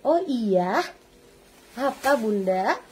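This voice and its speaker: A woman imitating a shop admin who answers the phone in flat, clipped, bored replies. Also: fairly high pitch, very slow, slight background noise, voice pushed down. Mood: flat curt. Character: curt, low-voiced shop admin on the phone.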